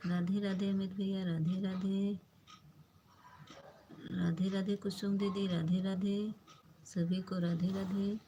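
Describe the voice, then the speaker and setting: A woman's voice: medium pitch, level tone, takes it slowly, long pauses, dark tone, highs cut off, a little hiss or hum. A woman hosting a casual phone live stream, greeting viewers by name and teasingly scolding them. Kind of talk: casual live-stream chat reading comments.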